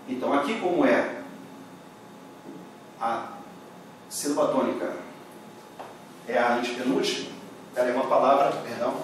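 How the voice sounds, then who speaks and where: A Brazilian man lecturing on grammar, with his somewhat high voice ringing around a bare room. He sits a little away from the mic, and a faint hum of room noise runs under him. He keeps checking in with his students as he goes. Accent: Brazilian Portuguese. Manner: patient, checks in with "beleza?" and "tá?". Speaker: Portuguese exam-prep teacher. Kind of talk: classroom lecture explaining grammar. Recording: echoey room, voice from a distance.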